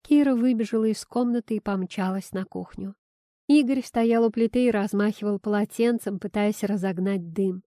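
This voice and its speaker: Warm-voiced woman narrating a story. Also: medium pitch, fairly even intonation, normal speed, dry recording, clean studio sound. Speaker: audiobook narrator.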